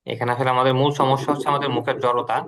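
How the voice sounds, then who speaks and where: A man's voice: mid-range voice, level tone, racing, fairly bright tone, low-quality recording. Patient male English teacher. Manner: patient, explanatory, repeats drills. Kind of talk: online class lesson.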